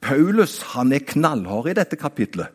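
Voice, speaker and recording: A man preaching a sermon. He talks straight to his listeners, rising to emphatic high points and then dropping to quiet asides. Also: husky. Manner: animated, talks straight to the listener with repeated "vet du hva?"; swings between raised, emphatic peaks and quiet, low-voiced asides.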